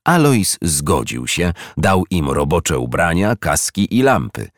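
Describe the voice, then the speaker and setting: A man with a low voice reads a children's storybook aloud. His delivery is expressive and swings widely in pitch. The recording is dry and close. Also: slow pace, no echo. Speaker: narrator. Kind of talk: storybook narration.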